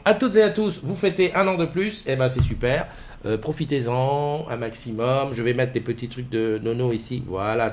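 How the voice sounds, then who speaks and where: A man's voice: medium pitch, a little hiss or hum. A middle-aged man hosting a casual morning live stream from home, rambling with many fillers and greeting viewers by name at a desk mic. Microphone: desk mic with webcams.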